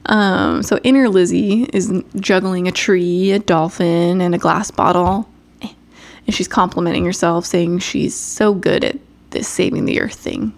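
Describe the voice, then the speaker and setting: A woman's voice: lowish voice, fairly even intonation, a little slow, creaky. Rambling woman recapping casually. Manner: rambling, filler-heavy, laughs often. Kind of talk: casual chat.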